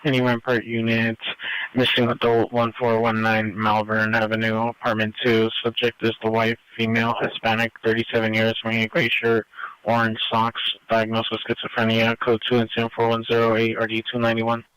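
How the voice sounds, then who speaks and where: A man's voice: medium pitch, monotone, fairly quick, a bit bright, smooth, no room sound, rough recording. A man working as a police radio dispatcher, listing details in a clipped, impassive way over the radio. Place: police scanner radio feed.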